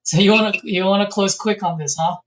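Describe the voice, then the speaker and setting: A man, a real estate investor, on a casual sales call with a seller, friendly and joking while he pushes for a lower price. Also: steady tone, brisk, fairly bright tone, slight background noise. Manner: friendly, pushy haggling, jokey.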